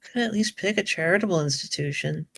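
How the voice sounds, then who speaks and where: Gentle earnest android girl. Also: on the low side, a little fast, creaky. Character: polite naive female android companion.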